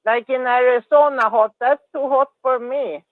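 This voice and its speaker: A woman's voice: high-pitched, fairly even intonation, normal speed, no echo. A woman talks casually and rather tentatively in a group conversation. The sound is dry and narrow, like a telephone call.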